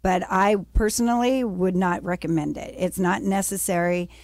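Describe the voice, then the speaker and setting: Animated middle-aged woman telling her story. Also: normal speed, no room sound, clean studio sound. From United States. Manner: animated storyteller, acts out quotes with raised pitch. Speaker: guest, business founder. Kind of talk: casual interview storytelling.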